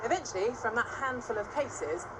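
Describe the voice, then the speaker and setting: A woman with a British accent presenting and narrating a documentary in a clear, measured, explanatory way. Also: a little high, expressive, noisy background. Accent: British English. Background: documentary music.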